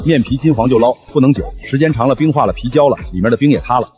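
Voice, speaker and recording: A man playing a steady, practical imperial master chef who gives terse instructions in a comic short drama. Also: mid-range voice, racing, close to an everyday voice. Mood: instructive, steady.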